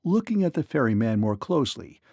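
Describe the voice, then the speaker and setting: A man narrating a children's read-along storybook in an expressive, lilting manner. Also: mid-range voice, brisk, vocal fry, dry recording, clean studio sound.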